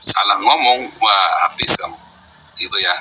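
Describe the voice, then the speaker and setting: A man's voice: on the low side, normal speed, rough recording. A man hosting a heated talk on scripture, boastful and scolding as he lectures his listeners. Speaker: apologetics host. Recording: loud background noise.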